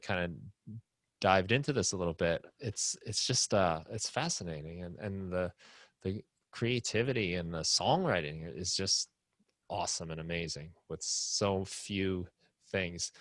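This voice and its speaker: Low-voiced man hosting a music class. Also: no echo. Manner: relaxed, rambling explanations with many fillers. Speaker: music production class host. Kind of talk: casual live class talk.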